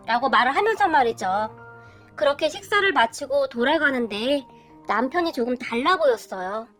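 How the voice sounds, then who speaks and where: A woman reading a first-person family story aloud in an expressive, emotional way. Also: high-pitched. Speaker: story reader.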